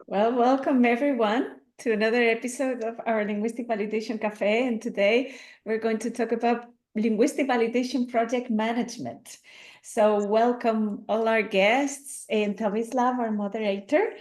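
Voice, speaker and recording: A woman's voice: on the high side, fairly even intonation, moderate pace. A woman hosting a podcast, reading a scripted welcome and then chatting with guests with fillers and restarts. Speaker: podcast host. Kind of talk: scripted intro then casual moderated chat. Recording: intro over loud music.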